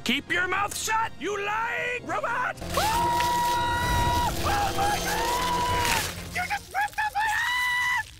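A man voicing a manic, over-excitable young male cartoon space prisoner, given to shouting. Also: very high-pitched, very slow, long pauses, over loud music, heavily acted. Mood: frantic shouting. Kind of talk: cartoon acting.

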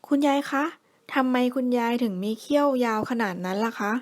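A small, friendly girl from a bedtime storybook, voiced by a woman asks polite, curious questions. Her voice is pitched high and bright. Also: brisk, lightly acted.

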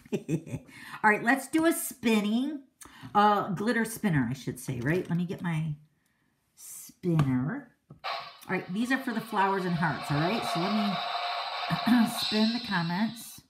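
This is casual livestream chatter from a middle-aged woman hosting a card-making stream, speaking in a medium pitch over a slight hiss or hum. She's noisy, outspoken, and quick to laugh with her viewers.

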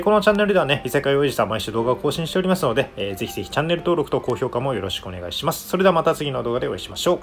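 A man giving a casual, chatty review of an anime episode, laughing often between his remarks. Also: medium pitch.

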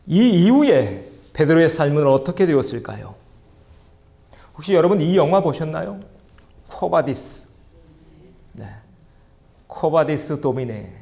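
A man preaches a sermon to his congregation, pausing to ask them questions and inviting them to read along with him. His voice has a gravelly, rough texture and sits slightly higher than most men's. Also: very animated, mellow. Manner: asks the congregation questions and leads group reading. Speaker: pastor. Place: church sanctuary.

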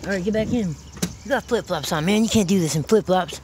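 A woman, chatting excitedly and swearing while filming an abandoned site on her phone. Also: medium pitch, fast talker. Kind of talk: casual chat while exploring. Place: outdoors by abandoned buildings and in a car. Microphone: handheld phone. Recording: noisy outdoor phone recording.

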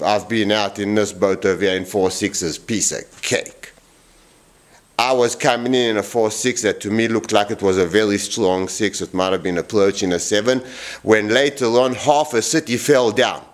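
In this rambling vlog, a boatbuilder in his forties shows off his large wooden boat shed, holding the camera at arm's length. His voice sits on the low side at normal speed, and he comes across as blunt and animated, frequently starting over mid-thought.

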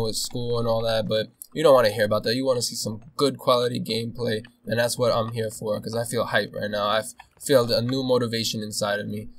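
A young man commentating his own game as he plays, excitable and swearing, swinging between nervous muttering and loud outbursts. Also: medium pitch. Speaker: gaming video host. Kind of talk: casual gameplay commentary.

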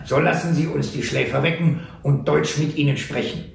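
A man's voice: fairly high pitch, normal speed, vocal fry. A man doing the wily little old trapper Sam Hawkins. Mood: jovial. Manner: clipped folksy phrasing, drops pronouns. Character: small odd old male trapper, wily and joking. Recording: echoey room.

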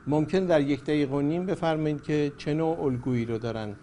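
Male talk show host, raised pitch, poised moderator, light background hiss, steers a political panel. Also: warm tone.

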